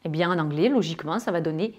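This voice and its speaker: A woman with a southern French accent teaching English pronunciation to French speakers, with many fillers and pauses, who draws out her English example words. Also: low-pitched, a little mellow. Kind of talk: spoken lesson.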